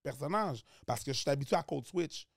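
Animated Québécois comedian, dry close mic. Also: male voice, medium pitch, a little fast, gravelly, no room sound. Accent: Québécois French. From Quebec. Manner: animated, switches into English accents. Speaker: comedian guest. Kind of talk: casual podcast chat.

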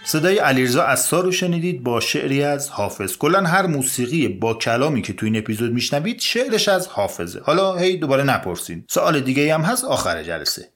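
A man's voice: medium pitch, very animated, few pauses, a bit bright, soft background music. A man narrating a comic story as a podcast host, playful and colloquial with wry asides.

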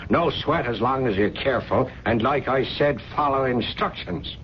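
In a radio drama, an actor with a medium-pitched voice plays a streetwise working-class repairman, lightly acted at normal speed. He's colloquial, jokey, jovial and cautioning, explaining things with relish, and the audio is a dull, noisy 1970s radio broadcast.

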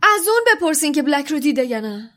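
A woman's voice: very animated, fairly bright tone. A woman voicing a frightened teenage boy. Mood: frightened, insistent. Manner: high, urgent and breathless. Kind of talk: audiobook character reading.

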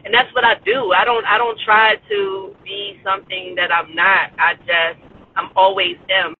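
A man in his forties joins a podcast as a guest, phoning in from a car on the street for a casual chat that is upbeat, encouraging and full of laughter. His voice sits high with little pitch movement at a moderate pace. The line sounds tinny, with faint road noise.

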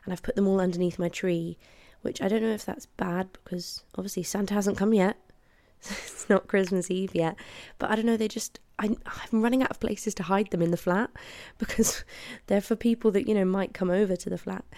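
Late at night in her flat, a woman in her twenties hosts a solo podcast with a voice made hoarse by a cold. She speaks at medium pitch and a little fast, chatty and apologetic with frequent laughter, using headphones and a podcast mic.

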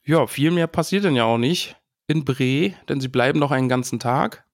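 A man's voice: medium pitch, moderate pace, dry recording, clean studio sound. A man co-hosting a casual podcast about a book, cheerfully reading passages aloud with feeling. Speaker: podcast co-host.

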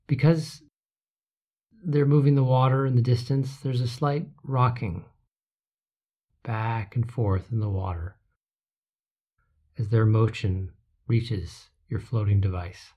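A guide leading a slow relaxation exercise, with soft drawn-out phrases that trail into whispers. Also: mid-range voice, fairly even intonation, breathy edge.

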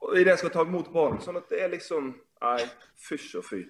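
A former footballer on a podcast, talking in an animated, exasperated way with many restarts. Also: male voice, on the high side, a little hiss or hum. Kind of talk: casual podcast chat.

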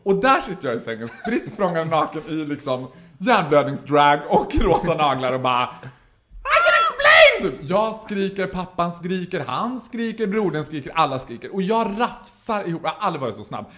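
A man's voice: a little high, big pitch swings, few pauses, a bit bright, slight background noise. A man telling a wild anecdote in casual chat, acting out the voices and laughing often. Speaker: podcast guest.

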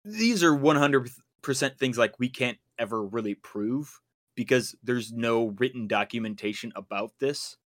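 An animated podcast co-host with a mid-range voice talks at a moderate pace, rambling through a casual chat with lots of fillers and restarts.

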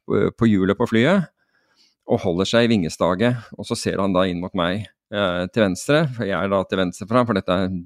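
Gravelly Norwegian man telling a story. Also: on the low side, no echo, studio quality. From Norway. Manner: animated, many restarts and fillers. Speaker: podcast guest telling a skydiving story. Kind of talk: casual storytelling.

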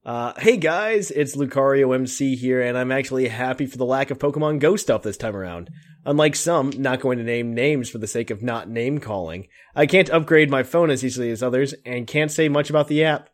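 A man's voice: medium pitch, brisk. A man co-hosting a podcast, reading a listener's email aloud in a casual tone. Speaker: podcast co-host.

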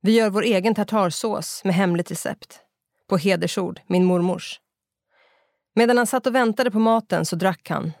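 A man's voice: high voice, gravelly, no room sound, studio quality. A reader voicing a middle-aged Scottish pub owner, a chatty man with a Scottish accent who mixes English phrases into his talk. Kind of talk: audiobook character voice.

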